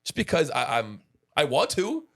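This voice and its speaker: A man in his late thirties hosts a podcast, making casual interview chat that rambles with restarts and asides. His fairly high voice has a sing-song quality and a moderate pace.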